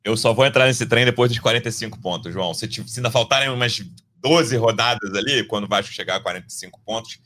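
A man with a Brazilian Portuguese accent and a mid-pitched voice discusses sports casually. He speaks colloquially and argues with emphasis, often restating a point to press it. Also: quick pace, sharp tone, slight background noise. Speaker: football podcast host.

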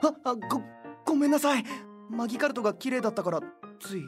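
A woman's voice: a little high, fast, soft background music, lightly acted. A woman playing an earnest, timid young art student boy in an anime audio drama, polite and easily flustered.

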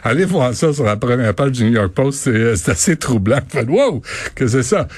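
A man's voice: mid-range voice, expressive, moderate pace, darkish tone, no echo. A man with a Quebec French accent, hosting a radio show in casual, joking banter. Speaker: radio host.

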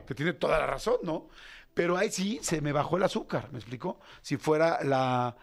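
A man with a Mexican accent, a radio host telling a family story in casual chat, animated and slangy. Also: a little high, normal speed, gravelly. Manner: animated storyteller, acts out voices, colloquial slang.

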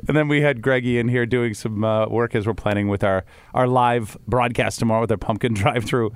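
A man's voice: mid-range voice, steady tone, brisk, clean tone, no room sound. A middle-aged man from rural Ontario with a light Canadian accent, co-hosting a radio show in casual chat, rambling and restarting his sentences. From Bruce County, Ontario, Canada. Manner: rambling, self-interrupting, laughs often. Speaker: radio co-host.

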